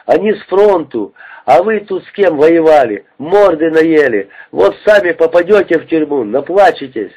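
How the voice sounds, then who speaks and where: A man voicing a small, flushed young woman who shouts through tears, in a dull lo-fi recording. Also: on the high side, animated, normal speed, breathy edge. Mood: tearful anger.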